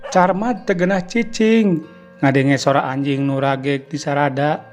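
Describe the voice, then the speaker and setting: Over soft background music, a man with a Sundanese accent narrates a spooky radio tale at an unhurried pace. His delivery is dramatic, his pitch climbing as suspense builds.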